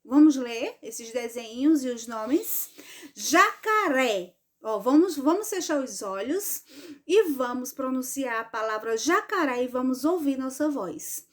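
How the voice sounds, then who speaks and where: Slow, high-voiced woman teaching children. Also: lively intonation, darkish tone. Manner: slow, drawn-out, sing-song teacher talk with many rhetorical checks. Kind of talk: online grammar lesson for children.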